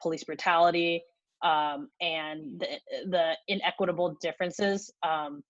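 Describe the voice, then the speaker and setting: Brief: woman, lowish voice, thoughtful, dry and dull video-call sound. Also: fairly even intonation, measured pace, no echo. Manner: thoughtful, searching for words.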